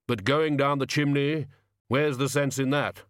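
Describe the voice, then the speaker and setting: A man voicing Death as a solemn, grave male figure who speaks slowly and drily. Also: medium pitch, steady tone, no echo, clean studio sound, pitched above the performer's own voice, natural voice.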